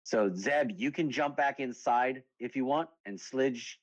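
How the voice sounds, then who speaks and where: A man's voice: mid-range voice, measured pace, highs cut off. A man narrating as game master in a tabletop game, rambling with lots of fillers and breaking into laughter easily.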